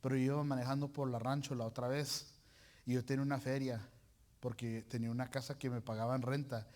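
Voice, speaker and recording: A man preaching a sermon in an animated, joking way, full of colloquial slang. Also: medium pitch, a little fast.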